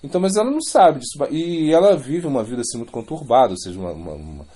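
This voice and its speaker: A man's voice: mid-range voice, very animated, very fast, warm tone, husky. A man giving an informal religious lecture, rambling, repeating words and adding many questioning asides. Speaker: spiritual teacher.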